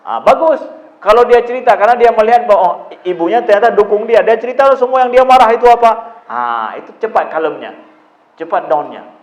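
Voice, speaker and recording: A man's voice: high-pitched, animated, brisk, echoey room. A man giving a religious lecture on parenting, talking in a repetitive, conversational way and asking his listeners rhetorical questions. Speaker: Islamic preacher answering parents' questions.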